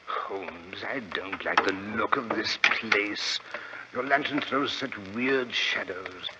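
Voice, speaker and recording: An actor playing a bumbling, grumbling middle-aged English gentleman doctor, blustery and fussy, in 1940s radio drama style. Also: lowish voice, slow. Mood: uneasy. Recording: muffled, noisy vintage radio recording.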